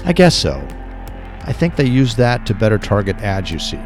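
A man playing a calm, skeptical man. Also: lowish voice, moderate pace, voice pushed up. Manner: calm, doubtful questions. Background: music.

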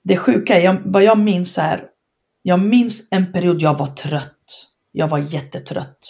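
A woman's voice: on the low side, gravelly. A woman, a former basketball player, telling her story in an interview with frank emphasis and acting out past conversations. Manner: animated, acts out past dialogue in her stories.

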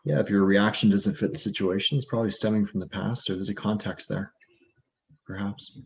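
Male panelist, lower register, conversational explainer who hedges his points. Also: fairly even intonation, a little fast, gravelly. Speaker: podcast panelist. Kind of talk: casual explanatory discussion.

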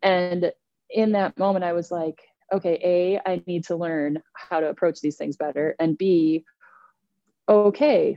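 A woman in middle age speaks low and mellow as she recounts her career to an interviewer, slipping into lively quoted asides. The sound is dull and lo-fi, with a dry, close feel. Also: no room sound. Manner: reflective, animated retelling with quoted asides. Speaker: interview guest. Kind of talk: candid conversational storytelling.

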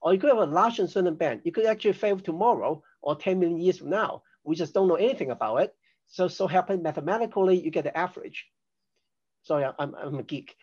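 A man's voice: high voice, fast talker, a little mellow, breathy edge, highs cut off. An older man from Hong Kong, a podcast guest, explaining risk assessment in a chatty, self-deprecating way. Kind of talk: conversational interview.

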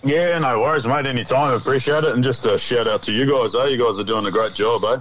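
Brief: Australian male, laid-back tradie bloke, casual interview guest, mid pitch, faint background noise. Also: quick pace, a bit bright, poor audio. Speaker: radio interview guest, pigeon racer. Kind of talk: casual chat.

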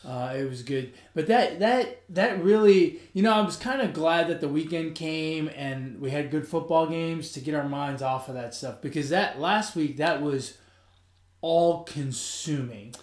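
A man's voice: a little high, a little slow, reverberant. A man hosting a casual sports podcast, easygoing and joking, often restarting his sentences. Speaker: podcast host.

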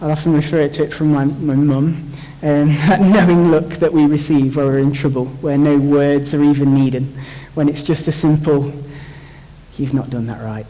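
A young man talks through a Bible story in a loose, joking way, often restarting his sentences as he thinks aloud. His voice sits a little high for a man. The sound carries a long reverb, as if recorded in a large hall. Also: little pitch movement, normal speed, hardly any pauses, warm tone. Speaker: church speaker. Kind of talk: informal Bible talk.

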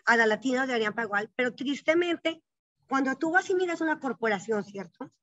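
A woman's voice: high voice, expressive, fairly quick, fairly bright tone, dry recording, muffled recording. A woman in her thirties, a guest in an interview, telling her story in an earnest, emphatic way and often checking in with the listener. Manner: emphatic, repeats questions like "¿cierto?".

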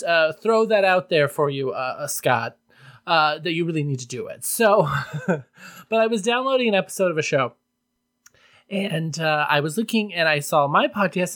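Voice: medium pitch, a bit bright. A podcast host chatting casually and solo in a campy, tongue-in-cheek manner. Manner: campy, tongue-in-cheek, addresses listeners as darlings.

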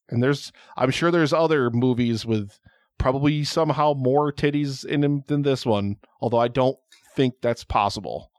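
A male podcast host talks loosely and casually, rambling and joking, and swears freely along the way. His voice sits at an ordinary middle pitch. The sound is dry and close, with no room around it. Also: measured pace, no room sound. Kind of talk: casual chat.

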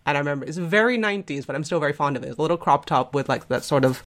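A woman's voice: low-pitched, racing. A woman in her forties, from Spain, chatting casually on a podcast in a rambling, self-interrupting way. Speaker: podcast co-host. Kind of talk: casual conversational chat.

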